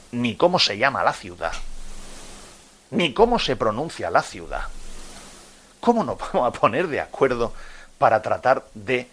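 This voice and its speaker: A man's voice: lowish voice, fairly bright tone, a little hiss or hum. Man, 50s, from Murcia, radio host, impassioned monologue, rhetorical questions, addresses listeners. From Murcia, Spain. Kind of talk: opinion monologue on sports radio.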